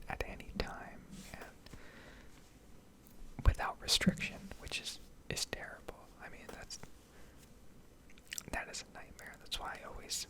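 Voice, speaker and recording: An ASMR video creator whispers softly and breathily close to the mic, rambling and explaining in a hesitant style. The audio quality is poor.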